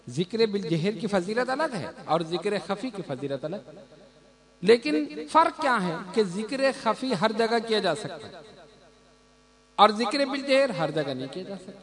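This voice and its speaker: High-voiced man preaching to a crowd. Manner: storytelling, emphatic and animated. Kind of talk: sermon. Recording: crowd audible behind.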